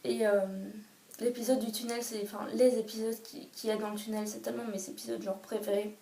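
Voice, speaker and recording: A woman's voice: on the high side, little pitch movement, fairly quick, gravelly, mellow. A woman chatting casually about a favourite book, hesitant and full of restarts. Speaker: book vlogger. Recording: roomy echo, distant mic, faint hiss.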